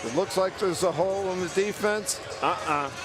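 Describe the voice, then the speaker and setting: A man's voice: high-pitched, normal speed, over music. A man working as color commentator on a live basketball game, explaining plays and rulings in conversational, folksy asides. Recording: noisy arena broadcast with loud crowd. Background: loud crowd, bouncing basketballs.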